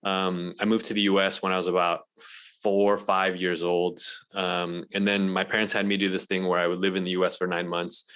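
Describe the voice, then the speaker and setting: Deep-voiced guy from malaysia chatting on a podcast, laid back, lots of fillers. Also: brisk, smooth. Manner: relaxed, with many ums and restarts. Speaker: guest, venture investor. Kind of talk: casual interview chat.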